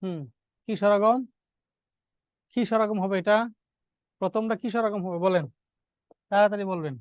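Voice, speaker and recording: A man's voice: high voice, fairly even intonation, moderate pace, clear, resonant tone, dry recording, lo-fi sound. A male teacher, giving a classroom grammar lesson, repeating key terms and quizzing his students.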